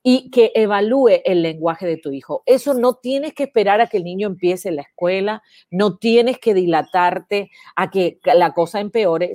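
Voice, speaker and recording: A woman's voice: fairly low pitch, a little mellow, dry recording, clean studio sound. A woman, teaching parents in an informal way, explaining with many examples and rhetorical questions. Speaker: educator on child speech disorders.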